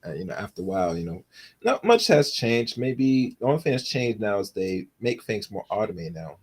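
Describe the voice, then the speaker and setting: A man's voice: lowish voice, very animated, fairly quick, breathy edge. A man in casual chat, rambling with lots of fillers while making his argument.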